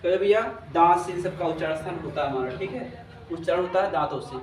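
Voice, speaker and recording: High-voiced man teaching in an echoey room. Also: fast talker. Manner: repetitive, checks in with listeners often. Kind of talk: classroom lesson. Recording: echoey room, mic at a distance, faint hum.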